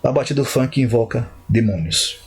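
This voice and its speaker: A man's voice: medium pitch, moderate pace, husky. Guy teaching bible stuff on a stream, chatty, keeps saying tá? and fixing his words. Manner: conversational, frequent "tá?" check-ins and self-corrections.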